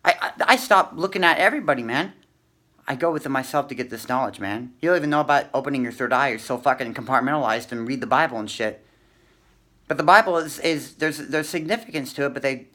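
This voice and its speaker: A man's voice: fairly high pitch, bright, forceful tone. A young man ranting to camera in a heated, repetitive way, swearing and tacking "man" onto his lines. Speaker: vlogger. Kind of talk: agitated rant to camera.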